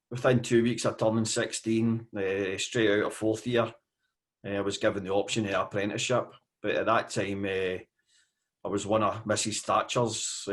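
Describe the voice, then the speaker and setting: Scottish man in his fifties, low voice. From Scotland. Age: 50s. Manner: hesitant, with frequent fillers. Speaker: guest. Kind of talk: casual interview.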